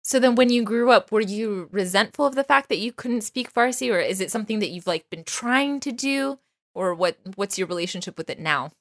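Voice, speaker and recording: A woman from Texas who hosts an interview, asking questions in a relaxed way and laughing often. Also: medium pitch, fairly quick. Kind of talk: casual interview conversation.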